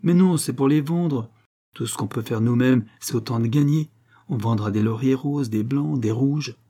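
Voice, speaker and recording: A man's voice: mid-range voice, normal speed, warm tone, lightly acted. A man doing Magali, a frank young country woman. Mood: matter-of-fact. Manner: frank, plain-spoken.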